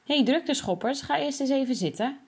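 A woman voicing a calm, patient mother who explains things gently to her boys. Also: sits high, brisk, pitched above the performer's own voice.

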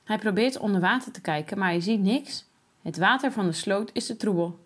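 Woman, children's story reading, expressive, sing-song pitch, storyteller. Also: a little fast.

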